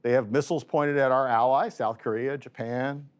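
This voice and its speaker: A middle-aged man, an economics professor, giving a classroom lecture in a lively, joking storytelling manner. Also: mid-range voice, normal speed, smooth. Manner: lively, joking storyteller voicing quoted arguments.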